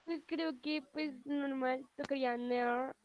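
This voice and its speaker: Soft hesitant student, muffled call. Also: female voice, high voice, steady tone, slow pace, a crowd in the background. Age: teenager.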